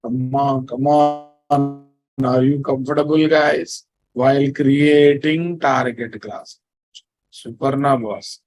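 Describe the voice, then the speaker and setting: A man's voice: medium pitch, steady tone, takes it slowly, darkish tone, faint music behind. A man with a Telugu Indian English accent teaching a programming class, repeating himself and often checking that listeners follow. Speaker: programming instructor. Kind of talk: classroom lecture.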